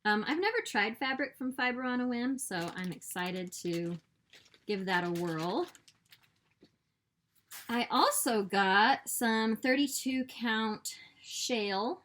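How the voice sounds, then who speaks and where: Woman, mid-pitched, easygoing chatter for a stitching show-and-tell vlog, laughs often, loose filler-heavy delivery. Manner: chatty and animated, quick to laugh; fills with "like" and "um". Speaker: cross-stitch designer and vlog host. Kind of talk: casual show-and-tell chat.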